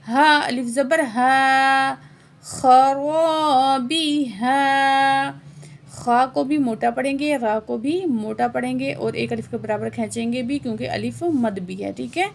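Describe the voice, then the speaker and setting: High-voiced, slow woman tajweed teacher. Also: creaky, a little hiss or hum. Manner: spells out letters and vowel marks, then chants words slowly and drawn out; asks herself quiz questions and answers them in quick quiet asides. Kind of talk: word-by-word recitation lesson.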